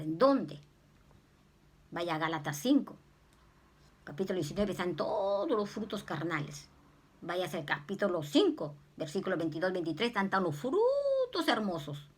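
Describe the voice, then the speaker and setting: Animated preaching woman with lively pitch. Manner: animated, swings into high squeals when quoting herself. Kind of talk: sermon testimony.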